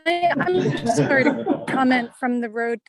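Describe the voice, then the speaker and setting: A woman's voice: sits high, a little slow, over music. A woman calling in from the road to a group discussion, her call connection breaking up as she apologetically checks whether she can be heard.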